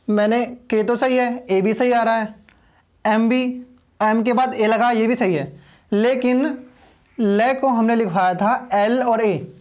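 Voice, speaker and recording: A man teaching a video lesson, explaining patiently and repeating himself, spelling names out letter by letter. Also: extremely high pitch.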